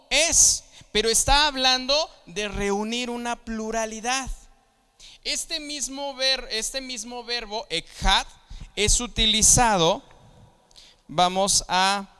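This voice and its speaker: This preacher's voice sits high, with a sharp, clean tone. Teaching the Bible in a church hall, he walks through each point step by step and keeps making sure his audience keeps up, all under a long hall reverb.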